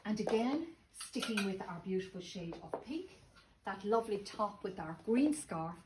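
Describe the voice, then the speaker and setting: A phone video captures the same middle-aged boutique presenter from a few metres off, her slightly thick, sore-throat voice sitting fairly low. She gives a casual sales presentation to camera inside the small clothing shop, with constant background noise and a rough recording.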